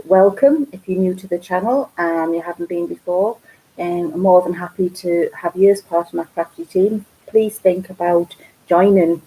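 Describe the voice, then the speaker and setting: Her voice is low and mellow with a breathy edge, captured on a rough recording. This Geordie craft channel host rambles and chats through a relaxed live stream from home, saying um a lot.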